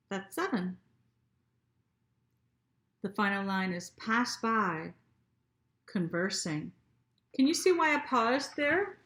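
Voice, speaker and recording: A woman teacher giving a gentle lesson to children, asking them questions and reading aloud. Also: medium pitch, reverberant.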